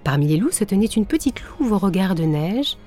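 A woman narrating a children's story in a gentle, measured way. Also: mid-range voice, sing-song, faint music behind.

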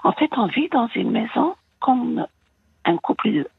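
A woman's voice: on the high side, very animated, unhurried, vocal fry, phone-quality sound. A woman in her sixties from France with a slight American accent, calling in to a radio show and talking hesitantly with many fillers. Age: 60s. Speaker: caller. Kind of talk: phone-in confession.

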